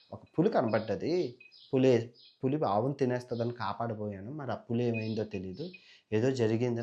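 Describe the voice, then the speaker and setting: Guy putting on a proud wronged warrior, lecturing and indignant, medium pitched, in a retold epic. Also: darkish tone, lo-fi sound, slight background noise, lightly acted.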